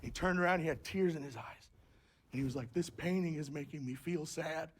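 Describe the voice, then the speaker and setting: A man doing stand-up comedy, telling stories with animated, shouted impressions. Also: on the high side, a little fast, slightly rough. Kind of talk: stand-up storytelling.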